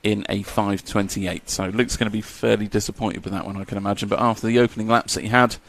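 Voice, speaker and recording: A man's voice: fairly low pitch, fairly even intonation, fast, fairly bright tone, slight background noise. A man doing live race commentary, chatty and jokey as he reads out lap times.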